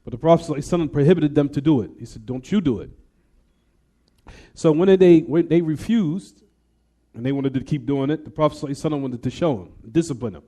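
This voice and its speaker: This Islamic teacher talks fast in a warm voice that sits a little high, explaining hadith in English. Along the way he recites Arabic and repeatedly poses "what?" questions to his students.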